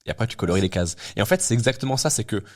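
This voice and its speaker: A man's voice: lowish voice, animated, racing. A man in his twenties, a guest in a casual podcast chat, speaking bluntly and thinking aloud with plenty of fillers and restarts. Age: 20s. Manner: blunt, talks things through with many fillers and restarts. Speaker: guest entrepreneur.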